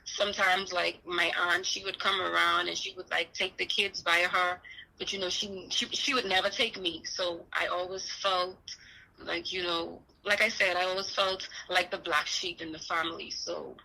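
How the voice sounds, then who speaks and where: Interview guest, woman from the Bahamas, clear bright tone, hesitant, lots of restarts. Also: fairly low pitch, steady tone, moderate pace, rough recording. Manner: soft-spoken, hesitant, many restarts and "you know". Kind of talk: remote interview, personal story.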